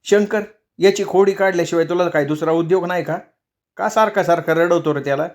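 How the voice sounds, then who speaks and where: A man voicing a sharp-tongued, doting village mother in a storybook reading. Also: sits high, pitched above the performer's own voice, close to an everyday voice. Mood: scolding. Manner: scolding, quick retorts.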